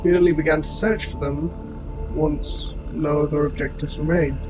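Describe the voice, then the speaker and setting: Robot soldier, male actor: fairly high male voice, formal and precise, protective and gentle, audio drama with prominent music underneath. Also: level tone, lightly acted, low-quality recording. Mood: solemn, apologetic. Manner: formal, precise, measured wording. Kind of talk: scripted audio roleplay, addressing the listener.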